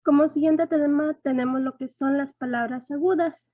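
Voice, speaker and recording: High-voiced young woman student presenter. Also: steady tone, moderate pace, dark tone, no echo, lo-fi sound. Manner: reads prepared points with some hesitations. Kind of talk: class presentation.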